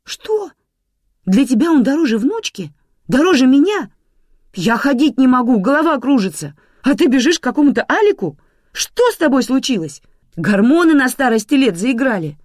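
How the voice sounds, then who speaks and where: A woman voicing an angry, bedridden adult daughter in an audiobook, shrill and indignant. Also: very animated, normal speed, a little mellow, no echo, clean studio sound. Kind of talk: audiobook reading.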